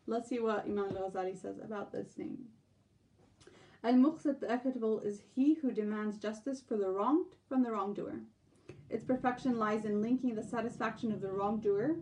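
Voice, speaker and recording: A woman hosting a religious lesson podcast, gently explaining and reading translations and prayers aloud. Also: mid-range voice, far from the mic, a little hiss or hum, rough recording. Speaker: podcast host.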